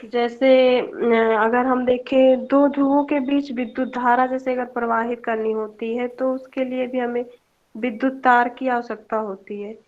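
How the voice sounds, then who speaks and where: Young woman doing a class presentation online, higher voice, kinda muffled phone sound, stops to say "uh" sometimes. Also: flat delivery, unhurried. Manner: explains with examples, some hesitant fillers. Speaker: student presenter. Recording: dull lo-fi online class audio.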